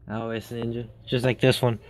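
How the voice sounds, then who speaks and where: A young person chatting casually during a game, blunt and teasing, with casual swearing. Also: female voice, extremely low pitch, level tone, fairly quick, noisy background. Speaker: gamer. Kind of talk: casual gameplay chat.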